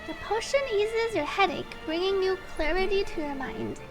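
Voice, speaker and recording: A woman game streamer with a very high, animated voice chats casually at normal speed. She reads on-screen text aloud in a chatty, giggly way while game music plays behind her.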